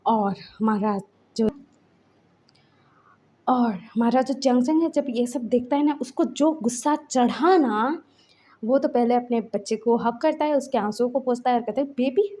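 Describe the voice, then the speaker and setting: High-voiced chatty woman storyteller. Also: unhurried, dark tone. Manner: chatty, loose fillers. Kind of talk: casual fan-fiction storytelling.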